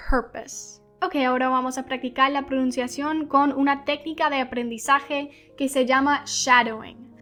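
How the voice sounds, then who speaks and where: Female teacher with English as her first language, high-pitched, calm and methodical, faint music behind. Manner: patient, step-by-step explaining. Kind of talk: Bible-based pronunciation lesson.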